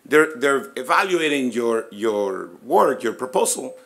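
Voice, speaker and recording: A middle-aged man with a hoarse, raspy voice that is giving out, presenting informally and haltingly as a professor at a conference-room lectern. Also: mid-range voice, very animated, fairly bright tone. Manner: halting, conversational, inviting questions. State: losing his voice, throat-clearing. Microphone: gooseneck lectern microphone.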